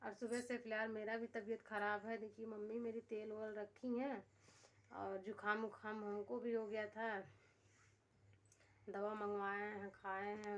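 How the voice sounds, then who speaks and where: A woman with a Bhojpuri-tinged Hindi accent, chatting casually to her viewers from home at night. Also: medium pitch. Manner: chatty, addresses viewers as friends. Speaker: family vlogger.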